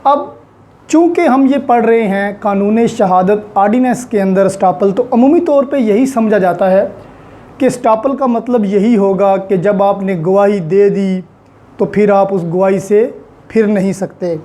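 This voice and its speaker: A lecturer with a Pakistani accent gives an explanatory law lesson in Urdu, mixing in English legal terms and working methodically, step by step, with examples. The voice is medium-pitched, mellow, and unhurried.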